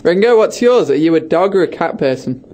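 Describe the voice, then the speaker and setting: A man's voice: fairly high pitch, expressive, fairly quick, mellow. A young man co-hosting a student radio show, teasing his friends and telling groan-worthy puns in casual banter. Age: young adult. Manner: teasing, bad-pun joking.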